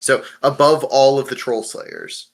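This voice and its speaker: Hosting a laid-back podcast, this man is profane and blunt, driving the conversation with his questions. His mid-range voice swings hugely in pitch, with a slightly slow pace and a creaky quality.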